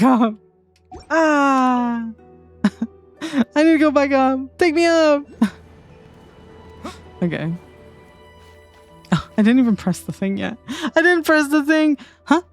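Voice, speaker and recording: A woman streaming a game playthrough, reacting excitedly, giggling and talking to her viewers. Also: a little high.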